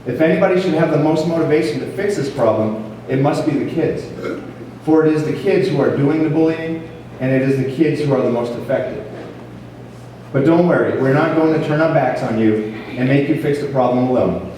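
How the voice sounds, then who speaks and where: A police officer leading a program gives an earnest, formal prepared speech at a school ceremony in a large, echoing hall. His voice is fairly high and dark-toned, and he speaks briskly. The recording is distant and echoey, with faint noise.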